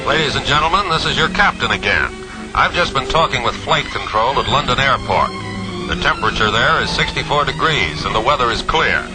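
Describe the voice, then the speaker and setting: An actor playing a composed airline captain, making a formal cabin announcement to passengers in a calm, measured way. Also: male voice, medium pitch, loud music behind the voice, close to an everyday voice, low-quality recording. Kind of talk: cabin announcement over the intercom.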